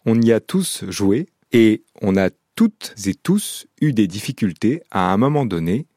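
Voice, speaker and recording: A male professor talks listeners through the brain in a calm, measured, scripted narration. His voice sits low and carries a slightly breathy, husky edge. The sound is dry and close, with no room around it. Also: no room sound. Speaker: psychology professor.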